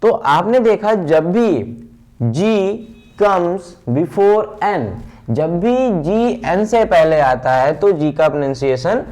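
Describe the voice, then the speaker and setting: A man explains pronunciation rules in an unhurried, methodical way, repeating each pattern several times. His pitch sits a touch high and swings widely as he stresses examples. He speaks words. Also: lively intonation, darkish tone. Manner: slow, repetitive drilling of word patterns. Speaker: English teacher. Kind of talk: pronunciation lesson.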